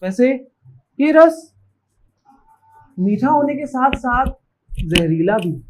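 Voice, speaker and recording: A woman's voice: fairly high pitch, big pitch swings, slow pace, a little mellow, a little hiss or hum, poor audio. A woman playing a ruthless male seducer in a stage play, who gloats in sly asides to the audience. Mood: sly gloating.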